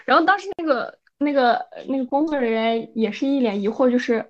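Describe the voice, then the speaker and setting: A woman co-hosting a podcast, telling a story in a casual, animated way and often checking in with her listener. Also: sits high, fairly quick, dull audio. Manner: animated, frequent "你知道吧" asides. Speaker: podcast co-host.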